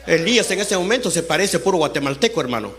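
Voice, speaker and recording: High-voiced man preaching. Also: big pitch swings, quick pace. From Honduras. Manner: conversational, asks the congregation questions, laughs while talking. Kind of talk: sermon. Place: church service.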